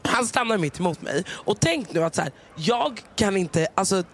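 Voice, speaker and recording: A woman hosting a podcast, telling a story in a lively, animated way and acting out what everyone said. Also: medium pitch, slight background noise. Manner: animated storyteller, acts out quotes. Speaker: podcast host. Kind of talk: casual chat, storytelling.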